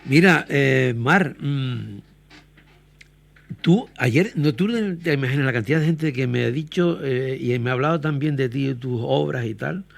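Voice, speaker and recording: A man's voice: mid-range voice, unhurried, gravelly, no echo. A man hosting a radio interview, asking chatty questions full of fillers. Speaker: radio host. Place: radio studio.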